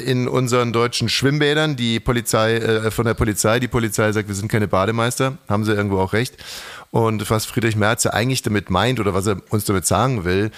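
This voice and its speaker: A man's voice: fairly bright tone, dry recording. A man co-hosting a podcast in casual chat, ironic and rambling. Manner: ironic, rambling, jumps to high mock-cheerful tones. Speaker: podcast co-host.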